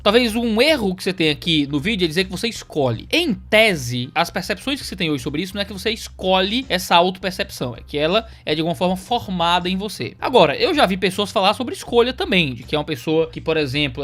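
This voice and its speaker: A man's voice: a little high, a bit bright. A man with a Brazilian accent giving reaction commentary, arguing his point and checking in with rhetorical tag questions. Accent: Brazilian Portuguese.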